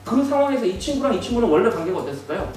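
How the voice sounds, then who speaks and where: A man lecturing teachers in a large echoing basement hall, heard from a distance with faint music behind him. His pitch leaps and falls as he acts out quick dialogues. He fires questions at his audience. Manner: animated, acts out students and teachers in quick voices, asks the room questions. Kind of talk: lively workshop lecture with acted student quotes.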